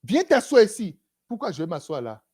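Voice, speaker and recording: Animated, husky-voiced preacher. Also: mid-range voice, normal speed. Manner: animated, repeats "Alléluia", acts out dialogues. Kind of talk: sermon.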